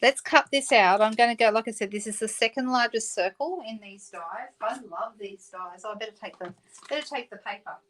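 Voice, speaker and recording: Brisk and a little high, with a fairly bright tone, a middle-aged Australian woman chats casually through a live papercraft stream. She reads out comments from viewers and often corrects herself. The recording quality is low.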